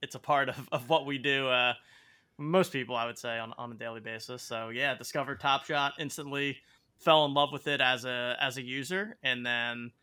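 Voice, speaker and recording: Male podcast guest, bright smooth voice, casual and slightly stumbling delivery. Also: medium pitch, fairly even intonation. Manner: halting, repeats words while thinking. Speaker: podcast guest, startup co-founder. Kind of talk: casual interview chat.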